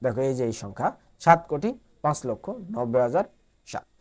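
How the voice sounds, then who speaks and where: Lively step-by-step woman math tutor. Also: extremely low pitch, fairly quick. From Bangladesh. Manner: explains step by step, repeats each point, checks understanding. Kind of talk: board-work math lesson.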